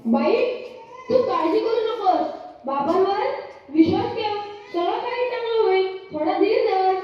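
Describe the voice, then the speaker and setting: A bossy village woman friend in a school play, played by a performer in a very high voice that gives brisk, insistent advice. The sound is dull and echoes around the hall. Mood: soothing. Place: school stage.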